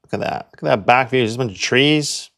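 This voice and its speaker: Gravelly and a bit bright, this medium-pitched voice moves a little fast. The speaker, a young Canadian man who works as a real estate agent and video host, gives a casual walkthrough full of chatter and repeated "like"s.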